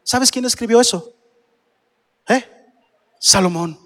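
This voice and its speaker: A man's voice: very high-pitched, slow pace, in a large hall. A male pastor, preaching a sermon and firing rhetorical questions at the congregation.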